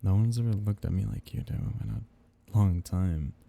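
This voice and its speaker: Husky and gravelly, a man's lowish voice murmurs soft teases as a tender, possessive vampire count in intimate ASMR roleplay. He speaks at normal speed with a wistful mood.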